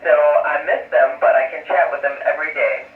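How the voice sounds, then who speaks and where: Man, astronaut Q&A, space radio transmission, echoey and dull, plain explanations, halting pauses. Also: a little high, steady tone. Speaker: astronaut answering students' questions. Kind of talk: question-and-answer radio chat. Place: aboard a space station. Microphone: ham radio. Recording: muffled, echoey, distant ham radio link.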